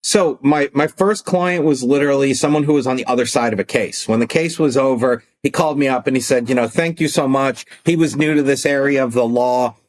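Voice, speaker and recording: A man's voice: mid-range voice, brisk, few pauses. A middle-aged man, an attorney turned coach, talking casually in a podcast interview and acting out calls and arguments as he tells stories. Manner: animated, acts out phone calls and arguments.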